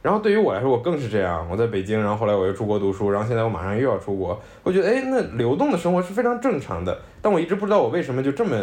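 A man's voice: mid-range voice, sing-song, very fast, few pauses, a little mellow. A man co-hosting a podcast, reflectively telling a family story in casual conversation. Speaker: podcast co-host. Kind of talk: casual chat.

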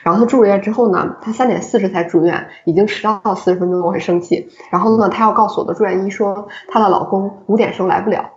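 Woman telling a hospital story, lively. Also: mid-range voice, quick pace, hardly any pauses. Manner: lively storyteller who laughs often. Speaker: obstetrician and podcast co-host. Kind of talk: casual chat, telling a work story. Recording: roomy, slightly dull recording.

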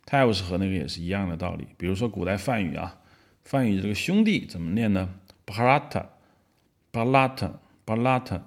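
A man's voice: sits low, lively intonation, fast. A male podcast host explaining word origins in a casual, rambling monologue, with many fillers and restarts.

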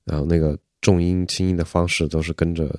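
A man's voice: low-pitched, flat delivery, fairly quick, a little mellow, no room sound, studio quality. A man co-hosting a podcast in casual chat, blunt and critical in a matter-of-fact way. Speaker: podcast co-host.

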